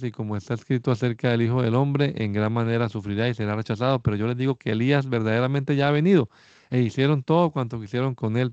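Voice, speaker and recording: A man reads scripture aloud in a warm, smooth voice. He keeps a measured, steady pace and raises his pitch slightly for quoted speech. The recording is dry and a little dull, with a slightly lo-fi sound. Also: no echo. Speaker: Bible reader.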